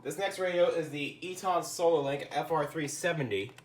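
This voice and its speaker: Here a young guy casually demos his radio collection, wandering from point to point and letting slip the odd muttered swear word. He speaks at a moderate pace in a fairly high voice, with background noise behind him.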